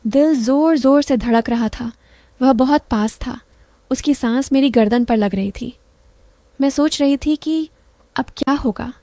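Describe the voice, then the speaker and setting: A woman reading an emotional first-person story aloud, in a soft, intimate and confessional way. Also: high-pitched, no echo.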